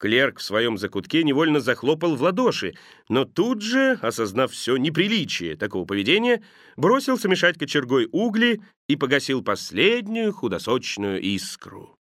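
A man narrating a classic novel in an expressive storytelling manner. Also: medium pitch, normal speed, no echo, studio quality. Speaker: audiobook narrator.

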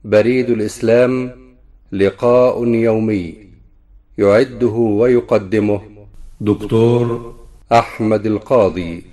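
A male announcer delivers a scripted radio introduction in formal Standard Arabic. His voice is fairly low. He speaks very slowly, phrase by phrase. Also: steady tone, warm tone. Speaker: programme announcer.

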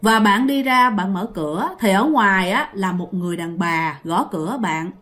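A woman's voice: medium pitch, moderate pace, fairly bright tone. A woman telling a ghost story in a chatty style, addressing listeners directly. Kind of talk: casual ghost story narration.

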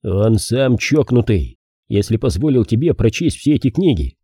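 A man voicing a gruff, blunt detective in his thirties in an audiobook. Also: mid-range voice, sing-song, normal speed, mellow, no room sound, studio quality. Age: 30s.

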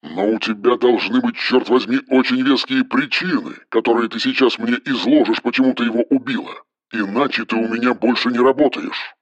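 Мужчина озвучивает сурового холодного начальника, который говорит по телефону резко, отрывисто и повелительно. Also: male voice, medium pitch, brisk, no room sound, dull audio. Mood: angry. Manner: harsh, clipped, commanding. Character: stern cold male boss on the phone. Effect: phone voice.

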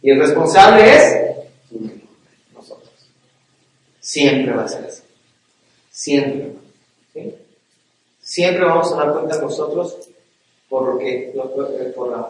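Earnest Mexican preacher in an echoey hall. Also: male voice, fairly high pitch. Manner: earnest, repeats himself for emphasis, asks the men "¿sí?". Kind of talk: sermon to men. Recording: very echoey hall, speaker far from the mic.

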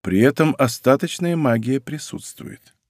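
Male narrator voicing a softly hesitant female fox spirit from an audiobook, gentle and uncertain. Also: mid-range voice, measured pace, no echo, clean studio sound, pitched above the performer's own voice, close to an everyday voice. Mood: puzzled. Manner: unsure, soft. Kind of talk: audiobook character reading.

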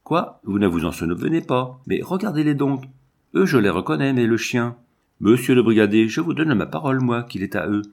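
A man's voice: medium pitch, big pitch swings, brisk, creaky, a little mellow. A man doing an earnest young boy. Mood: insistent. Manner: insistent, earnest. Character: earnest young boy, eldest of three children.

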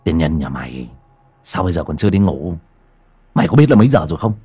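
A man's voice: sits low, very animated, fast talker, a little mellow, breathy edge, soft background music, voice pushed down, full character voice. A man voicing a harsh, short-tempered drunken father who scolds his son. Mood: irritated.

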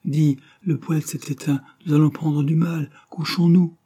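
A man voicing a weary young woman who pleads softly and timidly. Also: mid-range voice, fairly even intonation, a little fast, pitched above the performer's own voice, lightly acted. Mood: pleading.

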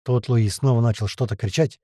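A man narrating an audiobook in the first person, with lively, slangy storytelling. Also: mid-range voice, brisk, dry recording, studio quality.

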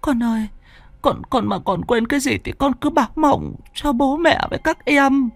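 A woman's voice: high-pitched, lively intonation, normal speed, gravelly, dry recording, exaggerated voice. A woman voicing a terrified elderly village mother who stammers and pleads, repeating her words in fear. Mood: terrified pleading. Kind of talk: storytelling role voice.

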